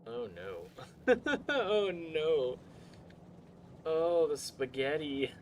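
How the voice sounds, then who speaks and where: A man with a fairly high voice that swings widely in pitch speaks extremely slowly over slight background noise. He streams a building game, mumbling to himself as he muses over problems and now and then greeting chat in casual live commentary.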